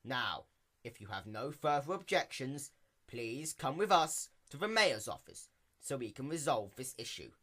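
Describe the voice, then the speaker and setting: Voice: medium pitch, unhurried. Stoic, officious pony guard voiced by a narrator. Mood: stoic officialdom. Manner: formal, deadpan, official.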